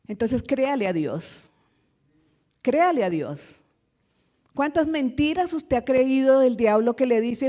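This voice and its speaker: A woman pastor with a Colombian Spanish accent, preaching a sermon in church, full of rhetorical questions and swinging between loud emphasis and soft, low passages.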